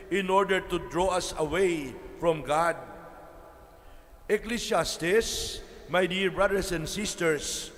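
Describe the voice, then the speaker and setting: A male priest delivering a homily at a pulpit microphone in a church, slow and measured with dramatic pauses. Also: high voice, fairly bright tone, in a large hall.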